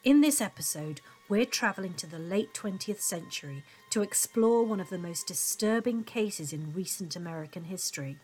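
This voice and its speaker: A woman's voice: mid-range voice, breathy edge. Woman true crime narrator over music. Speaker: podcast host.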